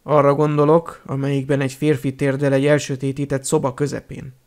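A man reading Snape, slow and menacing. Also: mid-range voice, monotone, a little mellow, lightly acted. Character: cold sneering male potions teacher, menacing. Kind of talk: audiobook character reading.

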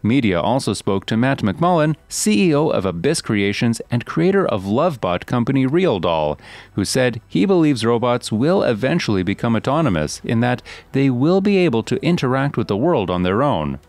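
A man reading scripted news narration in a steady read-aloud delivery. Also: mid-range voice, moderate pace, no echo.

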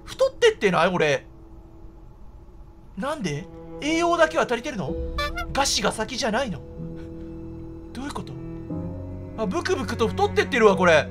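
A man commentates on a horror game in a high, swooping voice, with some music behind him. He sounds excitable and startled, exclaiming and doubling up his words as he reacts. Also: normal speed, pauses often. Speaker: gameplay commentator.

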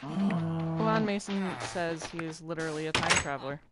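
A woman's voice: low-pitched, moderate pace, very noisy. A woman from southern Mississippi with a Southern accent, joking and chatting casually while co-hosting a gaming video. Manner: joking, drawling, bursts into playful sung lines. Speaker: gaming co-host. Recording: loud game music behind.

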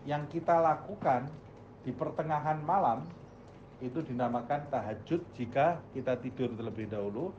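A man's voice: a little high, darkish tone, highs cut off, slight background noise. A male Islamic teacher giving a religious study lecture, posing questions to the audience and answering them himself.

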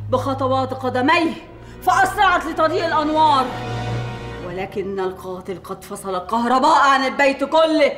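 A woman's voice: high-pitched, a bit bright. An actress playing a bossy, theatrical mother who tells spooky stories, in a comedy series with music under it. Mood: dramatic narration. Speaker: mother telling scary stories.

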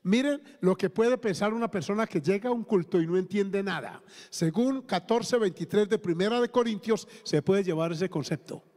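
A man's voice: sits high, normal speed, few pauses, darkish tone, in a large hall. A man with a Colombian accent, a pastor preaching a sermon and stopping often for praise and questions to the congregation. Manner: preaching with call-and-response interjections.

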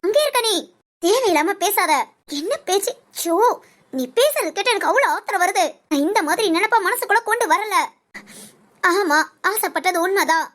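A woman's voice: very high-pitched, lively intonation, moderate pace, fairly bright tone. A woman voicing a proud, hurt, unmarried older woman in an audio story, talking sharply and defensively. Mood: indignant. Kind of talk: audio story role-play.

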